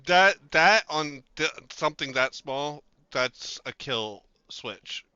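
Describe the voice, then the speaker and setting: A man narrating as dungeon master, animated and laughing often. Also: a little high, slow pace, smooth, no echo, highs cut off. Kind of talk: narrating a tabletop game.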